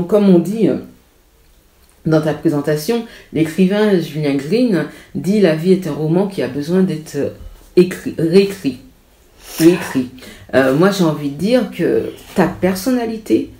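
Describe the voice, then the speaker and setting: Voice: mid-range voice, mellow. An interviewer who guides the guest with prompting questions and frequent supportive murmurs. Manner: prompting, supportive, many back-channel murmurs. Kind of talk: conversational interview. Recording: echoey room.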